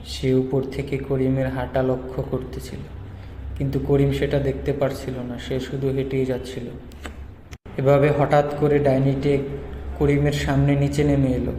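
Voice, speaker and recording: A man's voice: mid-range voice, completely flat delivery, normal speed, warm tone. A man narrating a scripted cartoon story as a storyteller. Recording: roomy reverb, faint background noise.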